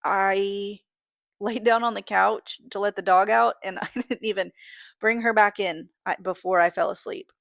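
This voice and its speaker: A woman's voice: medium pitch, fairly even intonation, unhurried, creaky, fairly bright tone, no room sound, studio quality. A woman in her thirties hosting a casual solo podcast, talking in a rambling, candid way that often breaks off and restarts. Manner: rambling, self-interrupting, candid. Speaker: podcast host.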